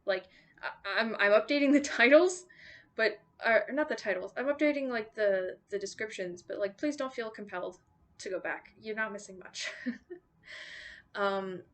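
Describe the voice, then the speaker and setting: A young woman making a casual vlog to her viewers, rambling and apologetic with lots of ums and likes. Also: fairly high pitch. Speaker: YouTuber making song covers.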